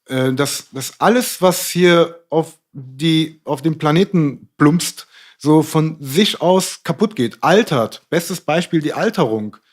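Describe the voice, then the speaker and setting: A middle-aged man talking through ideas in a casual podcast discussion, rambling and hesitant, with many fillers. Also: a little high. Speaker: podcast guest.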